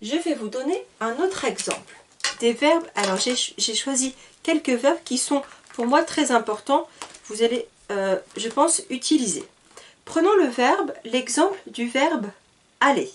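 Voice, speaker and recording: A woman's voice: high-pitched, expressive, a little slow, a little hiss or hum. A woman teaching a French grammar lesson at a whiteboard. She spells out word endings letter by letter and corrects herself patiently as she goes. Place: classroom at a whiteboard. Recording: voice a little far from the mic.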